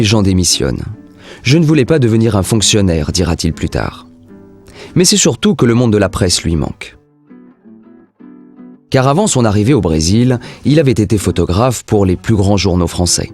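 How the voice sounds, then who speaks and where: A man's voice: fairly low pitch, darkish tone. A man reading scripted narration for a historical documentary.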